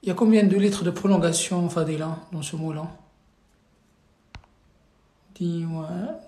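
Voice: mid-range voice, steady tone, measured pace, warm tone, reverberant. A teacher running a live reading class, calling on students and correcting them patiently, drilling syllables over and over.

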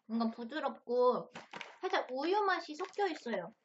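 A woman's voice: sits high, lively intonation, moderate pace, highs cut off, a little hiss or hum. A woman hosting a casual mukbang review, talking as she tastes crunchy chips and snacks. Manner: tasting and eating chips and snacks while talking.

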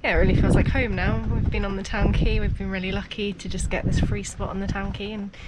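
A woman, chatting casually to a close-held camera on a sailboat deck, relaxed and full of fillers. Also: medium pitch, fast, heavy background noise. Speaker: sailing vlogger. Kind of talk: casual vlog talk to camera. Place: outdoors on a sailboat deck in a harbour.

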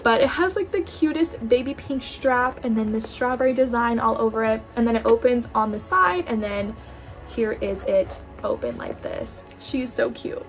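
Animated young woman telling a story. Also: on the high side, moderate pace, faint music behind. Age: young adult. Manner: animated, talks in quoted asides, frequent "like". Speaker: vlogger. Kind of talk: casual storytime chat.

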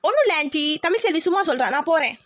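A woman's voice: very high voice, expressive, racing, fairly bright tone, no room sound, clean studio sound. A woman voicing a clingy, cheeky young male cousin from the village in a cartoon.

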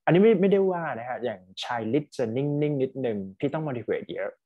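A man's voice: medium pitch, big pitch swings, phone-quality sound. A man teaching at a university, giving casual spoken feedback to a student over an online class and dropping English words into his talk. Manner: quick, chatty, mixes English words into speech. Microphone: online class call.

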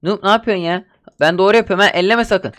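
A man hosting a Minecraft let's play, excitable and bossy, laughing often and scolding his teammate. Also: high-pitched, fast talker. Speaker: gaming YouTuber host.

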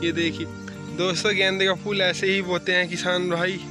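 Speaking at a normal speed, a young male vlogger from Uttar Pradesh, India has a high, flat voice captured in poor audio. He gives a casual walking tour of village fields and lanes outdoors, guiding viewers and saying "friends" again and again, recorded on an arm's-length phone over loud background music.

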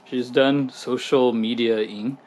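A man co-hosting a casual vlog, excitable and joking as he plays an arcade game and tastes snacks. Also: medium pitch, extremely slow, rough recording. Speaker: vlog co-host.

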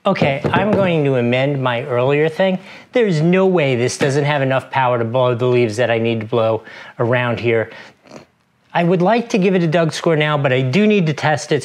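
A man's voice: fairly high pitch, normal speed. A man doing a casual unboxing review, chatty and enthusiastic, joking at his own expense, recorded in a garage studio. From lives in Florida. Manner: enthusiastic, chatty, self-deprecating. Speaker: product reviewer. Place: outdoor garage testing studio.

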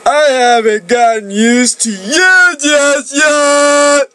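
A speaker voicing a smitten young man who talks in a lively, drawn-out, emphatic way. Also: medium pitch, clean tone, pitched above the performer's own voice. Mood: eager.

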